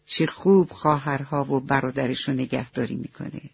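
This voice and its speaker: A man's voice: mid-range voice, steady tone, creaky, husky, no room sound. A man voicing a loving, proud mother duck in a children's bedtime story, speaking tenderly and with praise. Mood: pleased. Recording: dull lo-fi dry recording.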